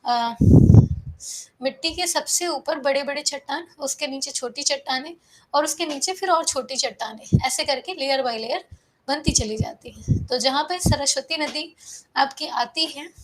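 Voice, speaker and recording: High-voiced teacher, unwell and tired. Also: female voice, a little hiss or hum, poor audio. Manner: explains step by step, asks and answers her own questions; often checks in with the class. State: feeling unwell, low on energy. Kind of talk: online geography class. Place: online live class. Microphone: close microphone.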